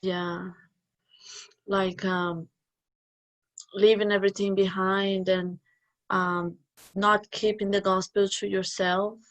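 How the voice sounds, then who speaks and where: A woman sharing thoughts casually in a spiritual study group, reflective and unhurried. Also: mid-range voice, flat delivery, low-quality recording.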